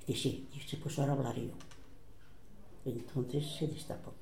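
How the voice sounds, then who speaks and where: A woman's voice: a bass voice, steady tone, normal speed, gravelly, warm tone, reverberant, slight background noise. An older woman with a Catalan accent tells family stories aloud and acts out the voices of the people she quotes. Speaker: relative recounting family history. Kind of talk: oral family storytelling.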